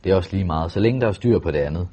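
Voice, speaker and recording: A man's voice: low voice, lively intonation, warm tone, husky. A man voicing a stern, tired middle-aged farmer father who speaks curtly and gives commands.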